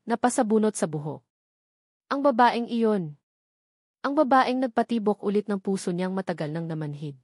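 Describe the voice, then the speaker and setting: This is a clean studio recording, free of room sound, of a Filipino-accented woman dramatically narrating a scripted romance tale. Her medium-pitched voice has a little mellowness to it.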